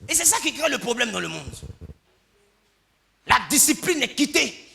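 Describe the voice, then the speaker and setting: A male pastor preaches with great animation. His voice sits high and very bright, leaping up and down in pitch as he drops to near-murmurs and then bursts into shouts. He acts out quick exchanges between people to make his point. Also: gravelly. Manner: animated preaching, swinging from quiet asides to shouts. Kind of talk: sermon.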